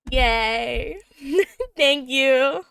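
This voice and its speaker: A woman's voice: high voice, very slow, gravelly, fairly bright tone, no room sound. A woman running a tabletop game on a livestream, chatty, humming and laughing as she looks things up. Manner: chatty, laughs often, hums while looking things up. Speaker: game master.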